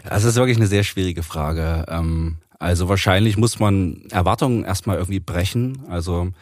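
A man with a low, darkish voice speaks at a moderate pace with no echo. He is an author and poetry slammer appearing as an interview guest, explaining things casually and somewhat hesitantly as he thinks out loud.

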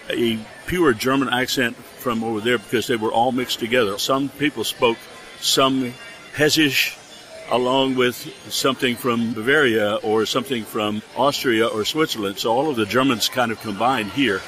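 An older man, a retired teacher, explaining things in a measured way during an interview outdoors. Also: mid-range voice, a bit bright. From Texas.

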